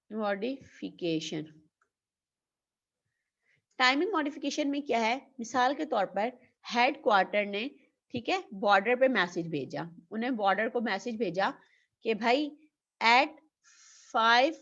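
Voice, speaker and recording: A woman's voice: a little high, highs cut off. A woman teaching an online class, explaining step by step and asking questions she then answers herself. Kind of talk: online lecture.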